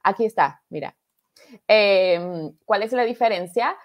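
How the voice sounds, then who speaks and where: Speaking a little slowly with lively intonation in a mid-range voice, a woman from Argentina leads a live online Spanish class from her home studio. With an Argentine accent, she patiently encourages viewers, repeating herself and asking "¿verdad?" to check in.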